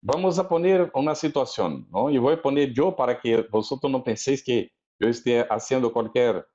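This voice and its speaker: Male lecturer, mid-pitched, didactic and probing, recording a bit dull. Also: lively intonation, moderate pace, warm tone. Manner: didactic, often checks in with the audience with questions. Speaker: spiritist lecturer. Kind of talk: religious lecture.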